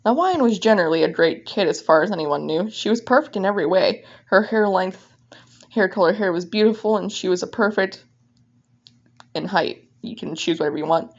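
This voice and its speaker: A woman with a medium-pitched, lively voice talks a little quickly as she casually reads her own fan fiction aloud, stopping now and then to comment on it. The microphone gives a dull, lo-fi sound.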